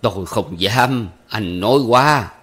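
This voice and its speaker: Guy doing calm old gentleman, slow and measured, a little dry and ironic. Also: fairly low pitch. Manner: unhurried, measured, mildly ironic. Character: calm, composed older gentleman.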